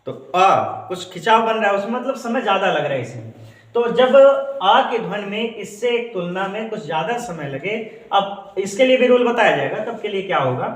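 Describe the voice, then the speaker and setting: A man teaching English pronunciation, explaining slowly and repeating example words with drawn-out vowels. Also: high-pitched, fairly bright tone, echoey room. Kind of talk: Hindi-language English phonetics lesson.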